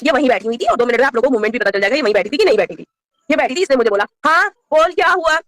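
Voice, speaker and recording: A woman vlogger rants with a high, quick voice, firing accusations and scolding without pause. Her sound is close and dry, with no room echo. She keeps the tone confrontational throughout. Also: expressive. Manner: confrontational, rapid-fire, scolding. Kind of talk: heated vlog rant.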